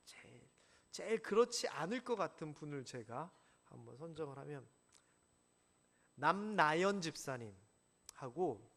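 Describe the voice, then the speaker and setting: A man's voice: on the high side, unhurried, creaky, long pauses. A male pastor preaching a sermon in a church, questioning the congregation and acting out stories. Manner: animated, asks the congregation questions, acts out stories. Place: church sanctuary.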